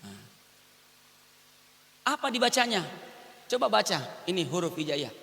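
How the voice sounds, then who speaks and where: A man's voice: sits high, expressive, measured pace, bright, forceful tone. A middle-aged man preaching a Quran study lecture, chatty, joking with and quizzing his audience. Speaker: Islamic preacher. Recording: long hall reverb.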